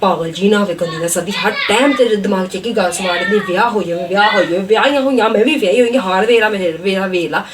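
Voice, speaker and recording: A woman voicing a sharp-tongued middle-aged mother who scolds fast in a Punjabi accent, heard from a distant mic with faint background noise. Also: mid-range voice, voice pushed down, natural voice. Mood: grumbling.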